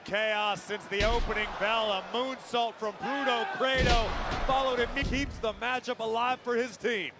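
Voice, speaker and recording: A man is doing live wrestling commentary in a strikingly high-pitched voice. He is emphatic and exclamatory, often shouting out the moves. Loud event noise runs behind him throughout. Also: fairly even intonation, unhurried. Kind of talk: excited live wrestling play-by-play and banter. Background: noisy wrestling event.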